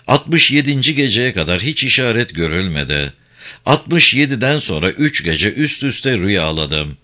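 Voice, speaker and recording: A man's voice: on the low side, sing-song, moderate pace, sharp tone. A man narrating a first-person folk tale in a vivid storytelling manner.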